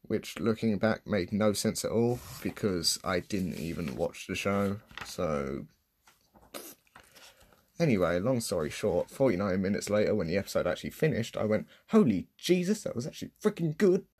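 A man's voice: deep voice, animated, moderate pace, darkish tone, slight background noise. A young man giving casual, unscripted commentary in a sarcastic, self-mocking and profane way. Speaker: vlogger.

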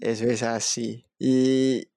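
A man's voice: mid-range voice, flat delivery, slow pace, creaky, dark tone, no echo, studio quality. A man from Colombia, hosting a podcast in a casual, encouraging way. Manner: encouraging, uses voseo. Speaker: podcast host. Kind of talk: casual conversation.

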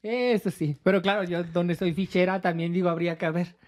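A woman's voice: lowish voice, fairly even intonation, a little fast, darkish tone. A woman on a podcast, cutting in with jokes and teasing questions. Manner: teasing, joking interjections. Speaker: podcast co-host. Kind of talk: casual teasing chat.

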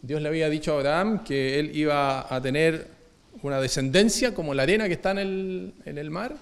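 A man preaching a sermon, moving between emphatic declarations and hushed, low repetitions of key phrases. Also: a little fast, creaky, smooth.

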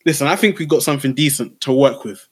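A man's voice: mid-range voice, fast, husky. A young man with a London roadman accent chatting casually about sport, slangy and emphatic, often repeating phrases for effect. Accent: London, urban roadman slang. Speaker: football podcast co-host.

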